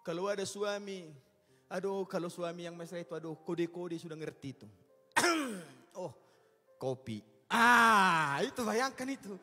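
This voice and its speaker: Man, preacher, humorous sermon, high lively voice, slightly husky, long hall echo. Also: unhurried. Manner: animated, swings between quiet asides and loud emphatic bursts; humorous, acts out little scenes. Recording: music behind, long hall reverb.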